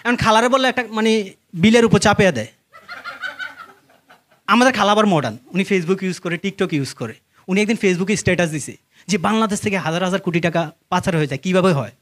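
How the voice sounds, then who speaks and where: On a live stage recording with faint noise, a young man with a Bangladeshi accent and a high voice tells stories at a fairly quick pace. His conversational stand-up has the crowd laughing as he addresses them and acts out dialogue.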